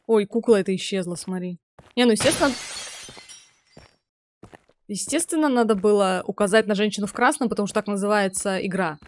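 While playing a horror game as a streamer, a young adult woman reacts out loud and mutters casual remarks, also reading the subtitles aloud. Her mid-range voice is steady and quick with few pauses, and a little hiss or hum can be heard.

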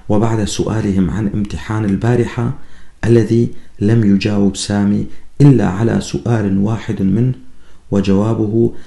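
Brief: male author narrating his novel, low and mellow, measured pacing, echoey room. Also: level tone, vocal fry. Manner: measured storytelling. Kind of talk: audiobook narration.

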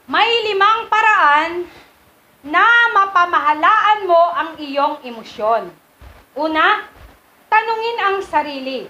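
Slow high-voiced woman reading aloud. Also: animated, sharp tone. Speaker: scripture reader. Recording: echoey, dull room recording.

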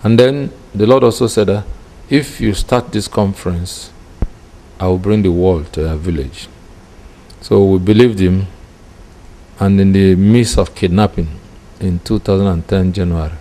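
With a low, creaky, warm voice, a Nigerian-accented church founder and apostle in his fifties reflects on his story during an interview. He sits indoors in a small curtained room, close to a handheld-style microphone in front of him, with slight background noise.

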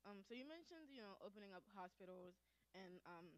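A woman's voice: mid-range voice, animated, fairly quick, clear, resonant tone, low-quality recording. A young woman from Senegal standing in a conference room audience with a handheld mic, asking a polite, thoughtful question with many fillers.

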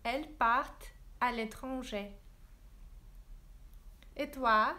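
A woman teaching French in a livestream, drilling verb forms slowly and switching into English to explain. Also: fairly high pitch, bright, forceful tone. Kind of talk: livestreamed language lesson. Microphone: phone livestream.

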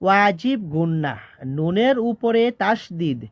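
A Quran reading teacher who spells out each syllable slowly, then chants the whole word in a drawn-out tone. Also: mid-range voice, expressive, no room sound, clean studio sound. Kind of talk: slow letter-by-letter spelling lesson with chanted recitation.

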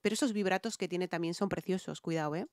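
A woman's voice: lowish voice, fast, loud music behind the voice. A woman with a Spain Spanish accent, a singer talking viewers through a song in an emphatic, chatty way. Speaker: singer reviewing music. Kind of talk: reaction and vocal analysis.

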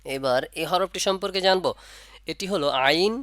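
A man with a fairly high, smooth voice teaches letter sounds step by step. He asks questions and answers them himself, and he stretches out each sound to demonstrate. The recording is dry and close. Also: moderate pace, a bit bright, dry recording. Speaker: Quran reading teacher. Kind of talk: step-by-step lesson.

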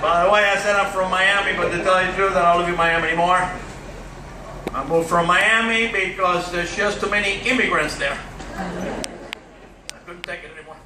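A man's voice: high-pitched, fairly even intonation, normal speed, pauses often. A man doing a stand-up set on a big theater stage, punchy and teasing the crowd. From Cuba. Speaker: stand-up comedian. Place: large cruise ship theater stage. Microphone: handheld mic, filmed from far back in the hall. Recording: roomy theater sound from far off, loud crowd and noise.

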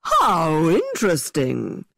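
A woman voicing a witty, playful young gentleman who teases in a mock-theatrical way. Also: sits low, wildly swooping pitch, takes it slowly, creaky, dry recording, studio quality, exaggerated voice. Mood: teasing.

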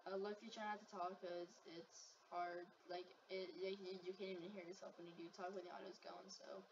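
Woman, casual chatter, soft delivery, muffled sound, noisy recording. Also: fairly low pitch, little pitch movement, normal speed. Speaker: channel host. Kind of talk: casual game tour chat. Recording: muffled distant mic with background noise.

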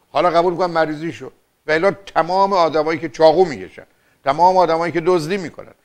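An older man hosting a call-in advice show as a family therapist, lecturing insistently with rhetorical questions. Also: a little high. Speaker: radio and TV family therapist host.

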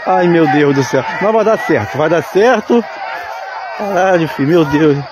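Excitable man cheering a balloon launch. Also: a little high, normal speed. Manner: excitable, swearing, mock-praying. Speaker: balloon enthusiast filming a launch. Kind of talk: excited live commentary. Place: outdoors at a crowded balloon launch. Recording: outdoor phone recording with loud crowd noise.

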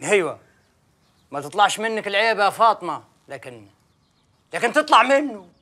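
An actor playing a stern, pious village sheikh, who speaks in an accusing tone. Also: male voice, high-pitched, sing-song, brisk, full character voice. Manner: stern, accusing, shouting from outside. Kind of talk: film acting.

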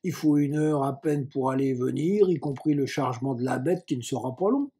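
A man's voice: mid-range voice, a little fast, mellow, husky. A man reading as a cautious farm servant. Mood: plain. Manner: plain-spoken, deferential.

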